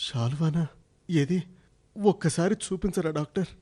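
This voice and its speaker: A man's voice: fairly high pitch, moderate pace, a little mellow, slight background noise, lightly acted. A man playing a remorseful grown son who breaks into sobbing outbursts over his mother. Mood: weak, puzzled. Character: remorseful adult son, grief-stricken and frantic.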